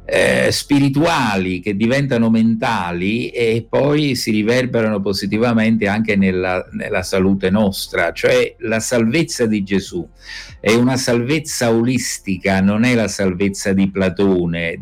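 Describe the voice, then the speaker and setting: Older man, lowish voice, professor, measured lecturing, faint music. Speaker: professor guest. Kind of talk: interview on religion.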